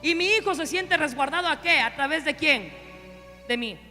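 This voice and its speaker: High, bright-voiced male preacher in a hall. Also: expressive, normal speed, soft background music. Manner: call-and-response, leaves sentences open for the congregation; emphatic, repeats key phrases. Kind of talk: sermon. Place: church.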